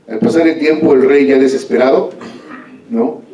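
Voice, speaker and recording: Guy storytelling at a book talk, chatty, keeps asking "no?", mellow voice, echoey big hall, far from the mic. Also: fairly high pitch, steady tone, moderate pace. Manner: conversational, with frequent "¿no?" tags. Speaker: author presenting his book. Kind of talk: oral storytelling to an audience. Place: large formal hall.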